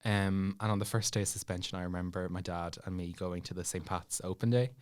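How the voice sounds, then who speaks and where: Deep-voiced and a little fast, a young Irish man guests on a podcast, telling a story of his own in easy chat. His animated retelling features acted-out dialogue and laughing asides.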